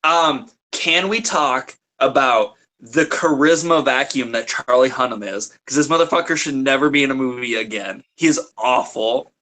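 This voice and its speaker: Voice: mid-range voice, normal speed, few pauses, pushed and bright. A blunt, profane co-host in a casual movie review chat.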